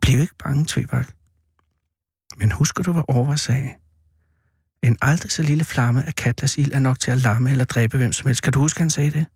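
Man reading gentle older brother, soft, calm, consoling, creaky, husky. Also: medium pitch, no room sound, studio quality.

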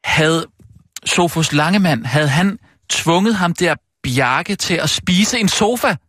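A man's voice: on the high side, animated, fairly bright tone, dry recording, clean studio sound. A man co-hosting a radio show, chatting casually with hesitant, stumbling restarts. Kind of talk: casual chat.

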